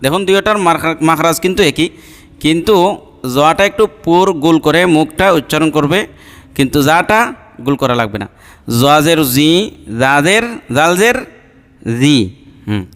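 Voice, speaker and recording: A man's voice: fairly high pitch, lively intonation, normal speed, pauses often, a bit bright, clean tone, long reverb tail. A man teaching Arabic letter pronunciation for Quran reading, repeating each sound and explaining patiently. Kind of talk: slow step-by-step pronunciation lesson.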